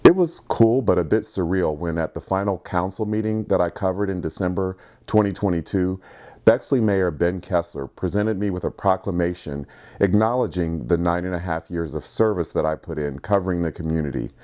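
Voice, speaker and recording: Very deep-voiced man reading his story. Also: normal speed, mellow. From Columbus, Ohio. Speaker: journalist and filmmaker. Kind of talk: scripted personal narration.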